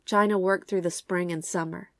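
A woman with a croaky voice stuffed up by a cold, hosting and reading scripted true crime narration. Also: lowish voice, fairly even intonation, normal speed, no room sound, studio quality. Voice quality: croaky, congested. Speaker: podcast host and narrator.

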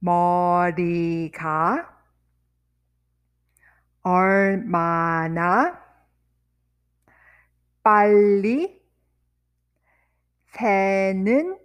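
A woman teaching vocabulary, saying each word slowly and deliberately, repeating words and sentences one piece at a time. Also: fairly low pitch, clean tone. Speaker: language teacher. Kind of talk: vocabulary lesson with repetition.

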